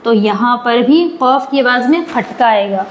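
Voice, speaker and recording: Woman slowly teaching Quran recitation. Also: a little high, slight background noise, poor audio. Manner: slow drawn-out recitation with quick explanations between; asks questions then answers them herself. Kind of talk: live online tajweed lesson.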